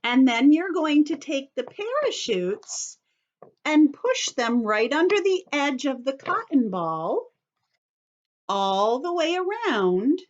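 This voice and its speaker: Showing young children a craft during story time, a female teacher addresses them directly and explains each step simply. She speaks slowly in a high-pitched, sing-song voice, and the recording has its highs cut off.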